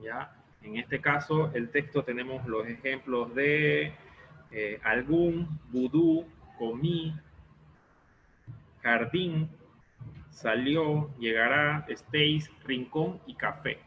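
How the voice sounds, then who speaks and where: A man's voice: medium pitch, slow pace, lo-fi sound, a little hiss or hum. A male teacher explaining a lesson step by step in an online class, often stopping to check that students follow.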